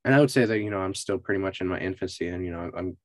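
A man's voice: deep voice, very fast, no room sound. A man hosting a podcast interview, asking questions in loose, hesitant phrasing full of "like". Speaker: podcast host. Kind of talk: casual interview chat.

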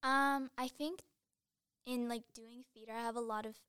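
A woman's voice: a little high, steady tone, moderate pace, a bit bright, smooth, no room sound, studio quality. A young woman in her late teens, chatting as a guest in a casual interview, giggly and full of fillers.

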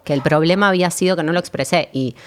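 A woman's voice: fairly low pitch, quick pace. An Argentine woman in a casual chat, talking hesitantly with many restarts. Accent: Argentine Spanish.

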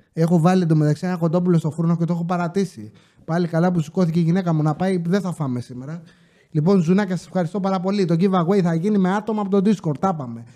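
High-voiced joking man telling stories. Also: a little mellow. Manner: joking, chatty asides to listeners. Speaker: podcast host. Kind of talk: casual comic storytelling monologue.

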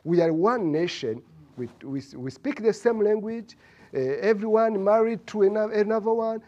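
A man with a Rwandan accent shares a testimony in church. His voice sits a little high, and he speaks haltingly, often searching for the next word and repeating himself. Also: a little mellow, highs cut off. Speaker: congregation member giving testimony.

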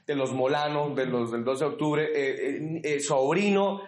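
A man in his forties preaching a sermon, shifting between fervent shouted exhortations and quieter personal storytelling. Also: on the high side, a little slow. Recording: echoey church room.

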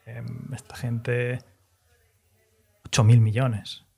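A man talking as a guest on a casual podcast. He sounds reflective and soft-spoken, and restarts his sentences often, in a medium-pitched voice. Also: level tone, very slow, creaky, breathy edge. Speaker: guest youtuber.

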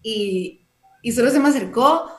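A woman's voice: on the high side, a little slow. A woman, chatting casually and acting out little scenes as she talks. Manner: chatty, animated, acts out scenes. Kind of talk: casual chat about her dog. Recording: echoey room.

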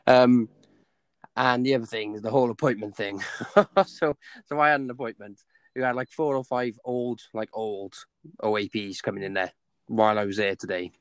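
A man's voice: fairly low pitch, moderate pace, no echo. A young man on a podcast telling a funny story in casual chat, swearing often and acting out what other people said. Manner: swears a lot, laughs at his own story, acts out quotes. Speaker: podcast co-host.

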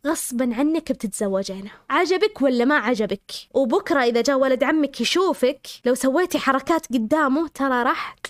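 A woman's voice: high voice, lively intonation, a little fast, dry recording, studio quality. A woman voicing a harsh, domineering middle-aged mother who scolds and threatens. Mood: scolding.

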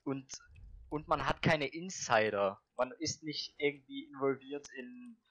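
A man's voice: medium pitch, unhurried, fairly bright tone, dry recording. A man in a casual chat with a friend, reacting with short comments and casual slang.

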